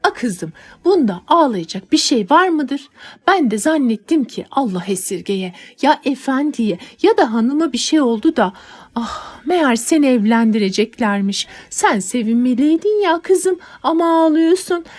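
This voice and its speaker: A woman's voice: high voice, expressive, moderate pace, voice pushed up. A woman voicing an old nanny who fusses and exclaims in a dramatic, motherly way. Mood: fussing.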